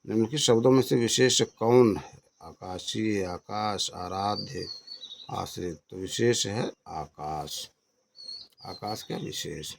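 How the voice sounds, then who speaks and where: A man with a low, gravelly voice working through exam questions one after another. He reads the options in turn, then names the answer. He often slows down to repeat a word several times so its spelling sinks in. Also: a little hiss or hum. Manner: reads each option aloud then states the answer, repeating key words; slows down to drill correct spellings. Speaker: exam coaching teacher. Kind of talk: exam question review lesson.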